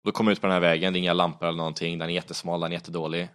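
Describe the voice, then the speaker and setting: A young man with a deep, low voice tells a story in a casual, animated way. He swears freely and acts out his own panic as he talks. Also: smooth.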